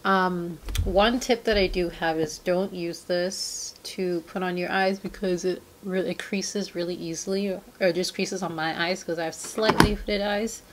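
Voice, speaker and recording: A woman's voice: lowish voice, fairly even intonation, unhurried, few pauses, background noise. A young adult woman talking casually to camera in a makeup review vlog, chatty and full of "um" fillers. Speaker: beauty vlogger. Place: home room indoors.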